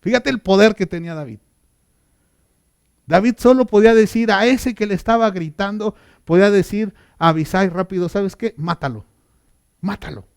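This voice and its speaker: A man preaching a sermon as pastor, dramatic and swinging between loud and hushed passages. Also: sits high, moderate pace, gravelly, clean tone.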